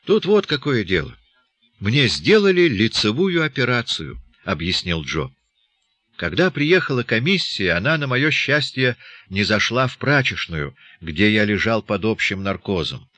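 Audiobook guy voicing a deadpan hitman, flat matter-of-fact delivery, crisp dry sound. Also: fairly low pitch, measured pace, dry recording, voice pushed up, heavily acted. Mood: explaining. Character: cool, dry-witted hired killer returning home. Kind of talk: audiobook reading.

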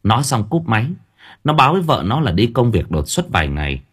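A man narrating a first-person audiobook story, expressive and dramatic, stammering in tense moments. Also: medium pitch, quick pace, husky.

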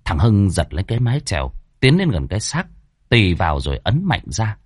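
A man narrating a ghost story from a script, with a dramatic, varied delivery and tense pauses. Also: lowish voice, very animated, slightly rough, no room sound, studio quality.

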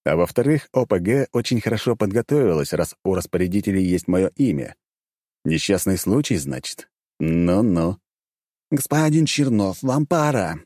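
A man's voice: sits low, lively intonation, moderate pace, mellow, no echo, studio quality. A man narrating first-person fiction as an audiobook, in a wry, sardonic tone.

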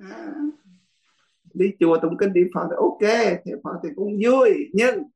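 A man's voice: high-pitched, a little slow, creaky, darkish tone, rough recording. A man, a Buddhist monk, teaching a dharma class in a blunt, teasing way and laughing often.

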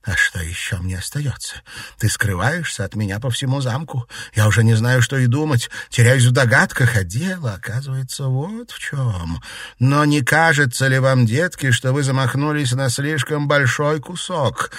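A man's voice: mid-range voice, normal speed, fairly bright tone, breathy edge, no room sound, studio quality, pitched above the performer's own voice. A man reading an audiobook, voicing a countess who reproaches and pleads with her daughter. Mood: mocking. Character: anxious aristocratic mother, a countess, pleading. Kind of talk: audiobook narration.

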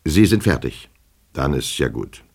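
A man's voice: a bass voice, very animated, measured pace, a little mellow, exaggerated voice. A man playing a touchy old office clerk. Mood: businesslike. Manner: formal, lecturing, indignant. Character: old male clerk, stiff and easily offended. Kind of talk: audiobook character reading.

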